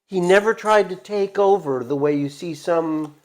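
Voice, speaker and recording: A man's voice: high voice, normal speed, a little mellow. A middle-aged man chatting and reminiscing casually as a show's co-host.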